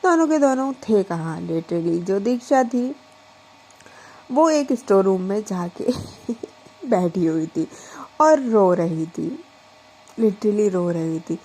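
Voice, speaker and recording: A woman telling a romantic story in an unhurried, conversational way, stressing points by repeating them. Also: mid-range voice, dark tone.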